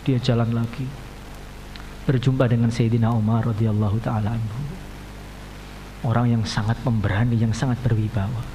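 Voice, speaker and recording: A man preaching an evening sermon, telling stories with passion, dropping to hushed low lines and then rising to raised cries, often adding Arabic honorifics. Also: little pitch movement, normal speed, long pauses. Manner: impassioned storytelling, swinging between hushed low lines and raised high cries; peppers speech with Arabic honorifics. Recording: echoey hall with faint hum.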